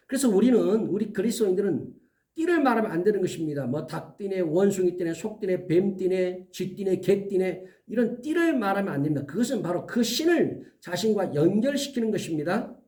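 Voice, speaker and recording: A male pastor preaching an earnest sermon, giving emphatic warnings and slowly listing items one by one. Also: high voice, big pitch swings, warm tone, far from the mic.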